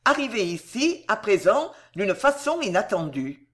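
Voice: mid-range voice, big pitch swings, unhurried, fairly bright tone. A reader voicing an anxious lady of the house who breaks good news in a trembling, agitated voice.

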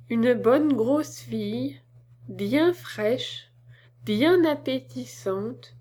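Slow-reading woman telling an old tale. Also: on the high side, darkish tone. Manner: slow, measured storytelling. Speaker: narrator. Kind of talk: audiobook reading of a classic tale.

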